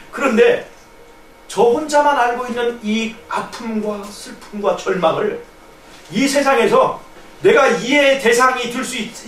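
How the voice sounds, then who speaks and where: High-voiced man preaching in echoey church. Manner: earnest storytelling, swinging from hushed to raised. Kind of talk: sermon testimony. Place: church hall. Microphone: distant room mic on a live stream. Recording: echoey church from a distance, faint noise.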